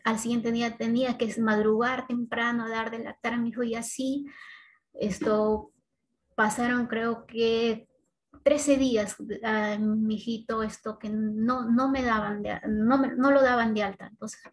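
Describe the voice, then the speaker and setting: A woman giving a personal faith testimony as a mother, speaking in a heartfelt, halting way with restarts and tag questions. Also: a little high, steady tone, rough recording.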